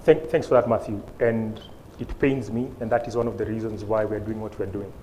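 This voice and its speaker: A man's voice: lowish voice, steady tone, a little fast, mellow, poor audio. A man with a Kenyan accent answering as a panelist, switching between languages as he goes. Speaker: technology company panelist. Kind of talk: panel answer mixing English and Swahili. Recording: live event with background noise.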